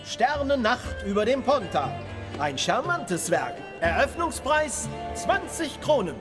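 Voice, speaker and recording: High-voiced, theatrical auctioneer. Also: male voice, sing-song, takes it slowly, over music, exaggerated voice. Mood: showy, courteous. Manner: theatrical, formal auctioneer patter. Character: showy, courteous male auctioneer addressing genteel guests. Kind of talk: auctioneer calling bids in a game.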